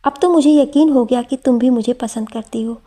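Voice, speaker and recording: A man's voice: very high-pitched, normal speed, warm tone. A woman narrator voicing a young male professor in love, pleading and playful.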